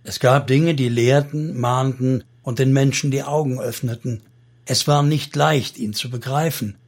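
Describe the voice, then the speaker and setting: A man narrating a solemn story in steady, scripted audiobook style. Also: medium pitch, a little slow.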